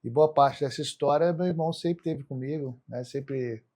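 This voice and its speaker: A man's voice: mid-range voice, normal speed, darkish tone. Brazilian man casually telling his story. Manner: colloquial, frequent tag questions seeking agreement. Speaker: podcast guest, martial arts athlete.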